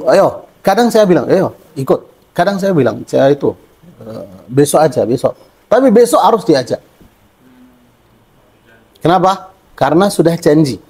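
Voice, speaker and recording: Husky male religious teacher, conversational. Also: sits high, a little mellow. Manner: conversational, wry, asks and answers his own questions. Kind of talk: religious study lecture.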